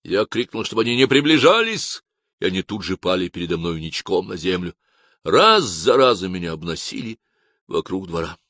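A male audiobook narrator with a lowish voice that moves a great deal as he tells a first-person historical story. He reads with expression. The recording is close and dry, with no room sound. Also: very animated, moderate pace, fairly bright tone, no room sound.

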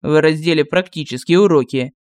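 A male narrator voicing a calm, phlegmatic male turtle warrior in an audiobook. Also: fairly high pitch, a little fast, dry recording, clean studio sound, lightly acted. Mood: deadpan.

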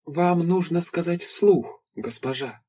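A polite female spaceship computer that answers calmly and evenly, as a man reads her lines in an audiobook. The voice is husky and sits a little high. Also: moderate pace. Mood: dry. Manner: calm, even and obliging.

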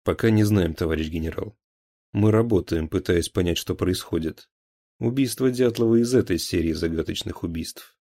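A dutiful police officer who stands up for his men, voiced by a man in an audiobook. He reports in a brisk, matter-of-fact way in a low, dark voice. The read is close and dry. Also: dry recording. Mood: firm, businesslike.

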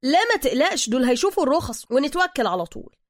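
A woman voicing a brash streetwise male taxi driver with an Egyptian accent, talking loud and fast. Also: sits high, very animated, dry recording, clean studio sound, pitched above the performer's own voice.

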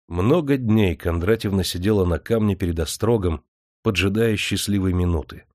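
A man reading a historical novel aloud in steady audiobook narration. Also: on the low side, dry recording, clean studio sound.

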